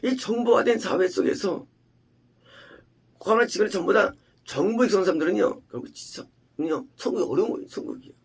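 A male pastor giving an emphatic sermon, asking rhetorical questions and swinging between loud and hushed delivery. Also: sits high, lively intonation, fairly quick, slightly rough.

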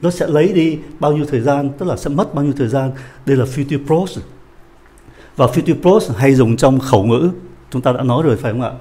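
A man teaching a French lesson, patiently explaining a dialogue and slowing down to repeat phrases. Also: mid-range voice, dark tone.

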